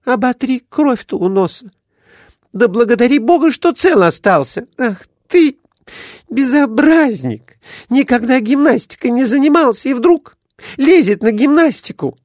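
A woman's voice: a little high, sing-song, measured pace, a little mellow, no room sound, clean studio sound, pitched above the performer's own voice. A man voicing a scolding middle-aged wife in a storybook reading, exclaiming and berating her husband.

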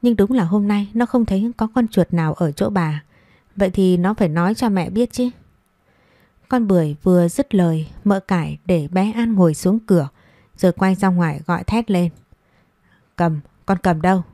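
A woman storyteller giving a steady, scripted narration of a story. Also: medium pitch, moderate pace, dry recording, clean studio sound.

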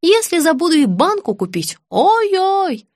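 Woman reader as an officious receptionist, loud, slow and pointed. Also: very high voice, big pitch swings, dry recording, clean studio sound, voice pushed up, exaggerated voice.

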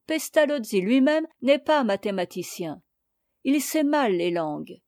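A woman reading a classic essay aloud as an audiobook reader, in a measured, deliberate way. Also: fairly high pitch, mellow, no room sound, studio quality.

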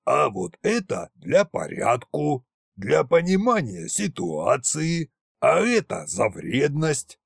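A gruff old undead tsar who booms his threats slowly and playfully, more mischief than menace, as a man puts him on in a storybook. The lines come out drawn out and lower. The recording is dry and close. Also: wildly swooping pitch, no room sound, full character voice. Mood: mock menacing. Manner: slow, mock-menacing booming.

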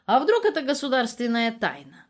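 A woman's voice: fairly high pitch, wildly swooping pitch, normal speed, pitched above the performer's own voice. A woman voicing a reserved young man on a work trip who answers guardedly. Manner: guarded and evasive. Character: reserved young male visitor on business.

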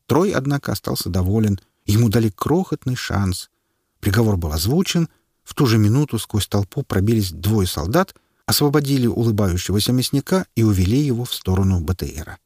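Husky-voiced male audiobook narrator. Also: lowish voice, brisk, dry recording, studio quality. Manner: lively, expressive reading. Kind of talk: scripted narration.

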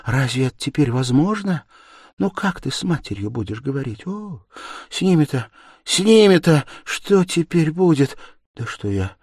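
A man's voice: high voice, slow pace, long pauses, darkish tone, dry recording, clean studio sound, voice pushed up. A male audiobook reader voicing an anguished, devout young woman who pleads fervently and cries out in distress. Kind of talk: audiobook character voice.

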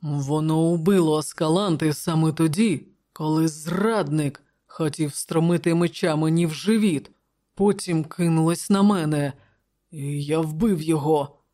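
A woman voicing a fierce, wounded barbarian king in a low, growling voice. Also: unhurried, dark tone.

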